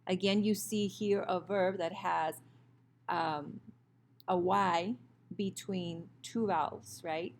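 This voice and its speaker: A woman's voice: lowish voice, vocal fry, a little hiss or hum. A woman teaching a recorded Spanish grammar lesson over a screen share, explaining patiently with fillers and self-corrections. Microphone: computer mic for a screen recording.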